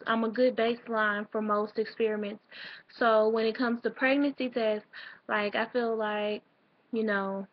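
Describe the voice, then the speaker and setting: A woman's voice: on the high side, muffled recording. A young woman, rambling casually in a late-night vlog, a little out of breath. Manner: rambling, chatty, with fillers and restarts. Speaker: vlogger.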